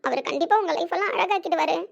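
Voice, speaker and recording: Very high, quick and earnest, this is a tearful young wife pleading for her husband in a family skit. The recording sounds dull and lo-fi. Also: vocal fry, heavily acted.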